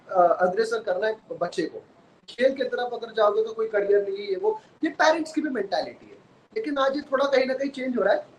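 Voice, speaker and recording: A man hosting a live sports review, giving opinions and repeating his points while mixing English into Hindi. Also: high-pitched. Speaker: cricket and sports channel host. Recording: echoey room with faint ambient noise.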